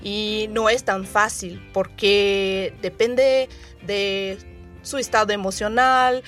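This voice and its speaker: Speaking slowly in a mid-range, slightly bright voice with fairly even intonation, a native Portuguese speaker from Brazil appears as a guest coach in an interview-style conversation. Her Spanish is accented and hesitant. Background music runs behind her.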